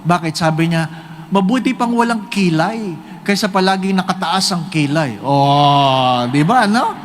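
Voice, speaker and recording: Filipino priest doing a funny homily, high lively voice, keeps asking the crowd di ba, bit of faint noise behind. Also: male voice, a little slow. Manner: joking storyteller, frequent tag questions to the congregation. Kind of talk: humorous homily.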